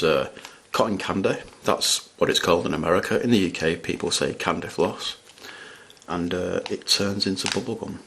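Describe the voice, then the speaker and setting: A man's voice: low-pitched, gravelly, a bit bright, slight background noise. A man chatting casually as he reviews candy on camera, rambling and restarting his sentences. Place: at home in front of a camera.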